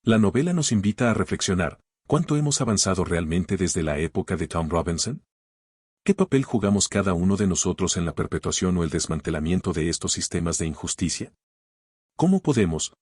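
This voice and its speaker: A man hosting a podcast, reading scripted literary commentary in a measured, formal way and posing rhetorical questions. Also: low-pitched, darkish tone, slightly rough, dry recording, studio quality. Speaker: podcast host.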